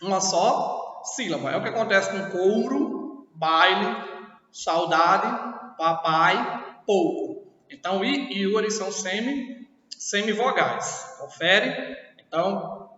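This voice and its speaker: A man's voice: sits high, takes it slowly, sharp tone. A Brazilian man teaching a lesson, explaining patiently and often checking that students follow along. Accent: Brazilian Portuguese. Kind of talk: classroom lesson. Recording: echoey distant lo-fi room recording.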